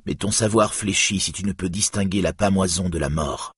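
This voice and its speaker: Man playing a storybook warrior hero, commanding, raised husky voice, dry read. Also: low-pitched, normal speed, no echo. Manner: commanding, wrathful. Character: grim hero warrior, proud and wrathful.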